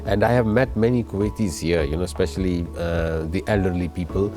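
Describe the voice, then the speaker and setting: Pakistani guy, really low voice, formal diplomat type, lots of hesitating, music playing behind him. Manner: halting, measured, hesitant phrasing with frequent long fillers. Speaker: ambassador, interview guest. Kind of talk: formal diplomatic interview answers.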